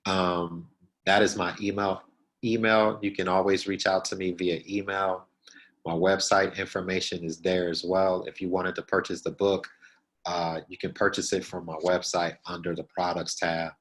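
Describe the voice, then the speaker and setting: A man with a very low voice gives a keynote to new school principals. He speaks directly and earnestly, circling back to repeat the points he wants to land. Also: level tone, moderate pace, fairly bright tone, poor audio. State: out of breath.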